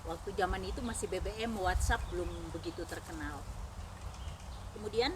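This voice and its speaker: A woman giving a personal faith testimony as a lively storyteller who acts out the dialogue. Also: on the low side, moderate pace. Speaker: ministry speaker. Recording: noisy background.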